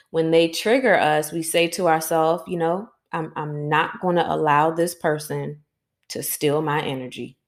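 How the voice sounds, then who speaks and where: Slow, low-voiced woman guiding breathing. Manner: slow, calm guiding voice, often tags sentences with "right?". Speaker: podcast host and Reiki teacher. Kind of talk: guided breathing exercise and motivational talk.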